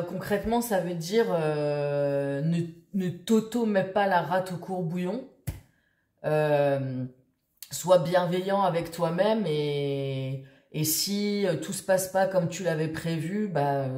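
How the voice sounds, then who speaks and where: A woman's voice: on the low side, mellow, echoey room. A woman vlogger chatting casually to her viewers, rambling with many fillers and restarts. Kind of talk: casual chat to camera.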